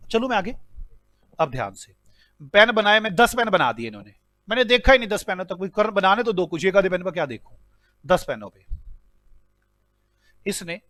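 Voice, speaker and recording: High-voiced man giving a teasing lecture. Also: no echo. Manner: teasing, rhetorical questions to students; animated, playfully scolding. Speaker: accounting exam teacher. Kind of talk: classroom lecture.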